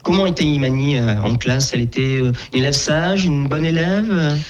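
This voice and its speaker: A man hosting a live radio interview, asking questions in a halting way with frequent restarts and fillers. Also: on the high side, a little mellow, slight background noise. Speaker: radio host.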